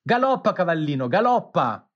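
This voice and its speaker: A man voicing an excitable small wooden puppet boy in a storybook reading, high and pleading. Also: measured pace, husky, dull audio, full character voice. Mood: shouting.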